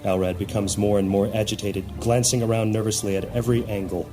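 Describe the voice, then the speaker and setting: Low-voiced solemn male narrator. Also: flat delivery, a little fast, mellow, soft background music. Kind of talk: scripted fantasy drama narration.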